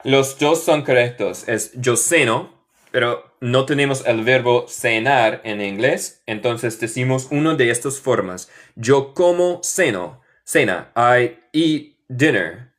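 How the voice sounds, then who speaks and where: Slow-speaking American man teaching English. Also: medium pitch, a bit bright. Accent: Northern US (Michigan). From United States. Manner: slow, patient, drawn-out model phrases, mixes Spanish and English. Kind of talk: live online lesson, reading chat questions.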